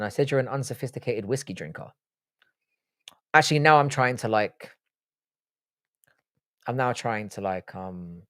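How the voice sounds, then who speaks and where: A young man born in Ireland and raised in the UK hosts a live stream, fielding viewer questions with blunt, profane, joking banter. His mid-range voice is recorded dry, with clean studio sound.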